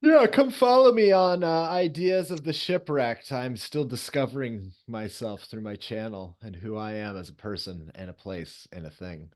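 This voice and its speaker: A man co-hosting a podcast, trading quick playful jokes in casual chat. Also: on the low side, darkish tone. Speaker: podcast co-host.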